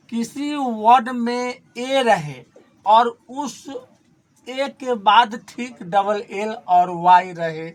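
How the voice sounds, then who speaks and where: A male teacher giving a classroom grammar lesson, explaining slowly and repeating points, asking questions and answering them himself, pointing to a board. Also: high voice. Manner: repetitive, asks and answers own questions; slow, stressed explanation.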